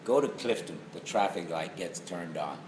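In a deep, expressive voice at a moderate pace, a middle-aged comedy venue operator from the west of Ireland jokes through an interview. He rants in a wry, mock-serious way, and the echoey room carries clear background noise.

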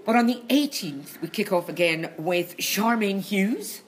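A woman's voice: mid-range voice, lively intonation, measured pace. A woman chatting casually and emphatically, bluntly and with some swearing, in a small, echoey concrete venue. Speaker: co-host and venue owner promoting shows. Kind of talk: casual rambling banter and announcements. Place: small echoey venue behind a charity shop. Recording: echoey concrete room, clear background noise.

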